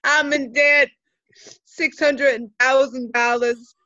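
A woman's voice: sits high, steady tone, slow pace, sharp tone, no echo, highs cut off, full character voice. A woman playing a bumbling, debt-ridden male balloon businessman in improv comedy, talking in a rambling, sheepish way. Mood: panicky.

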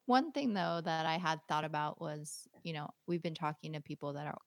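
Young woman podcast co-host, lowish voice. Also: expressive, brisk, dry recording. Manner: friendly, giggly, conversational. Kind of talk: casual chat and read-out segment.

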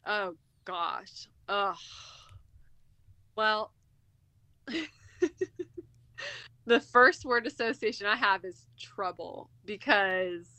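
A woman's voice: medium pitch, very slow, long pauses, sharp tone, smooth, dry recording. A woman chatting casually as a guest, reacting expressively with little interjections. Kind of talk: casual chat.

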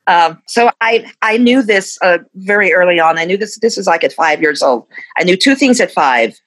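A woman in her fifties speaks in a casual interview as a musician guest, her voice sitting somewhat low. She is reflective and laughs often between thoughts. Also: lively intonation, unhurried, pauses often, a bit bright, low-quality recording. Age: 50s.

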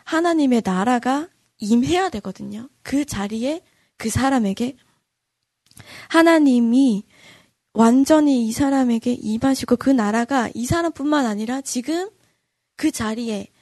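A woman's voice: on the high side, unhurried, darkish tone, dry recording, studio quality. A woman pastor preaching an earnest dawn-service sermon, acting out quoted voices and repeating lines for emphasis.

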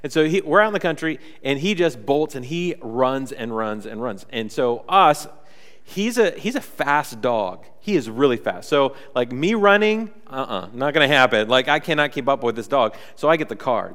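A man preaching a sermon, chatty and joking, with lots of fillers and animated storytelling. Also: medium pitch, normal speed. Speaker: pastor. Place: church hall. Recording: reverberant church hall.

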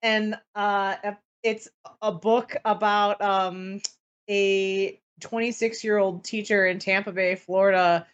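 A woman's voice: mid-range voice, level tone, slow pace, clean tone, highs cut off. A woman co-hosting a casual podcast, mentally worn out and rambling with many hesitant false starts. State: mentally fried, tired. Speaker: podcast co-host. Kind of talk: casual live-stream chat.

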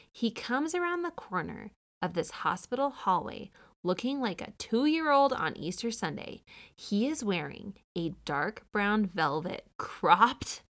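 A woman's voice: mid-range voice, gravelly, fairly bright tone. A woman in her thirties hosting a casual commentary, chatty and sarcastic. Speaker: podcast host recapping a true-crime show.

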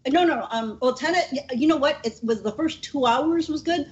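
A woman's voice: high voice, brisk, lo-fi sound. A woman chatting casually as a sidekick on a talk show. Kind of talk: casual chat.

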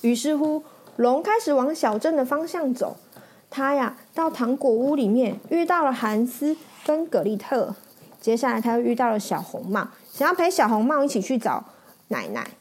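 Woman storyteller, high voice, lively picture-book reading to a child. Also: normal speed, husky. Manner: animated, with sound effects and questions to the listener.

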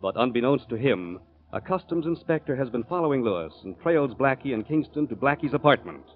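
A male announcer from an old radio show, reading a story recap in a brisk, formal way. His voice sits at an ordinary pitch. The sound is thin and tinny, like a vintage radio recording. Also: expressive, slight background noise. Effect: old radio show broadcast. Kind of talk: scripted recap narration.

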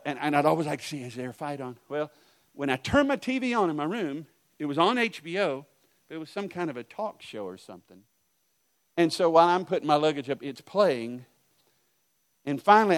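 A middle-aged man with a mid-range voice preaches a sermon as a pastor, weaving in stories and swinging between hushed asides and loud outbursts.

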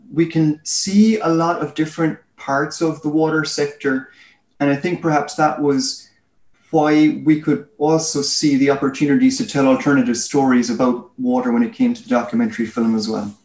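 An Irish man who heads a research firm gives articulate, explanatory answers as an interview guest, telling them like stories. His voice is medium-pitched and a little mellow. The recording has a roomy, echoey sound.

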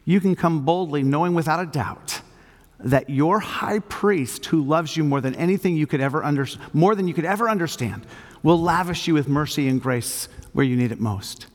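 A man's voice: fairly high pitch, moderate pace, long reverb tail. An older man preaching an earnest sermon in a church and leading a closing prayer, stressing his phrases with emphasis. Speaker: pastor. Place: church hall.

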